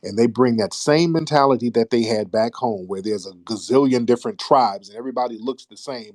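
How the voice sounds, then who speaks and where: A man hosting a call-in talk show, speaking forcefully and preachily, often interrupting his caller. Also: medium pitch, no room sound. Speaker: host.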